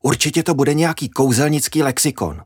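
A man's voice: medium pitch, slightly rough, no echo, studio quality, pitched above the performer's own voice, lightly acted. A man voicing a brave young boy who leads his friends. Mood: daring. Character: brave boy leader of a kids' gang.

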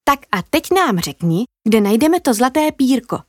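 A woman voicing a clever, eager little girl in a children's story, speaking in a bright, eager way. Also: on the high side, very animated, no room sound, clean studio sound.

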